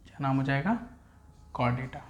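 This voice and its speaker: A male teacher giving a classroom lecture, drilling terms by slow repetition and calling students "beta". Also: medium pitch, gravelly, roomy sound, highs cut off.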